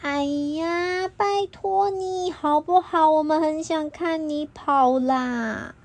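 A woman's voice: sits high, fairly even intonation, slow pace, darkish tone. Woman voicing a clamoring chorus of little crayons.

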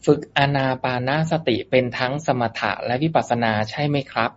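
A man's voice: mid-range voice, steady tone, moderate pace. A man moderating a dharma talk, politely reading out listeners' questions to a monk. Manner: polite, reads questions aloud. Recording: dull lo-fi sound with faint noise.

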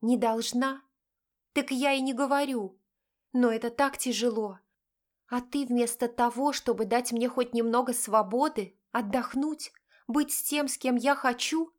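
A woman's voice: a little high, pitched above the performer's own voice, lightly acted. A woman voicing a young woman in an audiobook, pleading and emotional, rising and insistent. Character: desperate young woman pleading with her father. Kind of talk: audiobook character voice.

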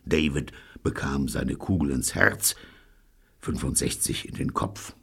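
A man's voice: rumbling low, a little slow, gravelly, fairly bright tone, husky. A man narrating an audiobook in a dry storytelling manner.

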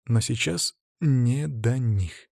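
A man reading a first-person fantasy audiobook in an expressive, lively storytelling manner. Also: mid-range voice, takes it slowly, gravelly, dry recording, clean studio sound. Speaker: audiobook narrator.

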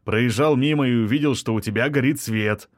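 A man's voice: medium pitch, a little fast, no room sound, clean studio sound, close to an everyday voice. A man playing a middle-aged violinist, a pushy suitor who wheedles and sulks and turns spiteful. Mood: wheedling. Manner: wheedling, offended, turning menacing. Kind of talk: audiobook character reading.

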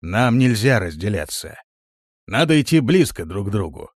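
A man's voice: lowish voice, sing-song, moderate pace, no room sound, clean studio sound. A man playing a crude, scheming leader. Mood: instructive. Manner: gruff, mocking, bossy.

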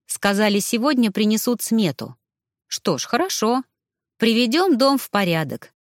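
Woman reading an audiobook, first person, dead dry studio sound, even pace. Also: fairly high pitch, moderate pace, no echo. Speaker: audiobook narrator. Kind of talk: first-person fiction narration.

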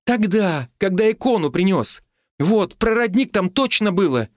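An excitable young wife, tender and quick to tears, her voice lifted high and bright. A man narrating an audiobook puts her on. The sound is close and dry. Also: dry recording. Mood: excited.

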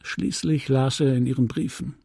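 A man reading a classic novel aloud in measured, deliberate scripted narration. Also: mid-range voice, steady tone, creaky, dark tone, slightly rough, no room sound, clean studio sound. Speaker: audiobook reader.

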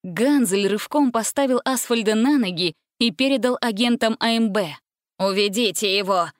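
A woman narrating a fairy-tale audiobook in an expressive, steady reading style. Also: fairly high pitch, moderate pace, dry recording, clean studio sound. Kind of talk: storybook narration.

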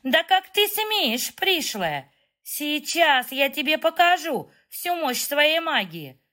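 A woman's voice: high-pitched, big pitch swings, takes it slowly, pushed and bright, pitched above the performer's own voice, full character voice. A woman voicing a spoiled, tearful young woman who shrieks petulantly in an audiobook. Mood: outraged.

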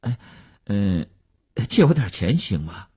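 Man putting on a spoiled young sax player, cheeky, casual, pleading, husky, swooping. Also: fairly low pitch, very animated, slow, a little mellow, exaggerated voice. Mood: wheedling.

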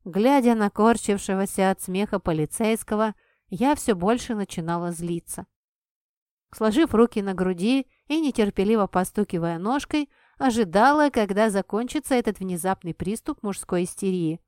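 A woman narrating a first-person romance novel in an even storytelling voice. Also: medium pitch, normal speed, clean tone, dry recording, studio quality. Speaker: audiobook narrator.

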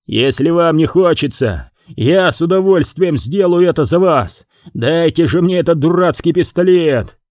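In an audiobook, a man plays an enraged young man who snarls and curses. The voice sits high and swings widely, with a mellow tone. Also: expressive, a little slow, hardly any pauses, no echo, clean studio sound. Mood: raging. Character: enraged young man, bound and gagged, cursing.

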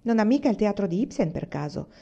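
A woman's voice: mid-range voice, very animated, fast talker, creaky, warm tone, husky, exaggerated voice. A woman reading the part of a down-and-out male tragic actor, humble and theatrical, in a lo-fi recording.

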